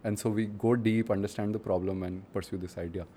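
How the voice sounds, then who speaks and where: Low-voiced man with an Indian accent. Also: steady tone, a little fast, dark tone, slight background noise. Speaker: startup founder, interview guest. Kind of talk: casual interview answers.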